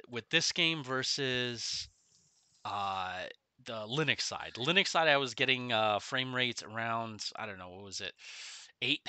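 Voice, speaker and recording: Male game streamer, middle-aged, very bright forceful voice, mouth numb from the dentist, casual delivery, dry close sound. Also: mid-range voice, no room sound. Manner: speaking oddly with half his face numb from the dentist. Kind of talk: casual gaming livestream chat. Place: small room at home, indoors.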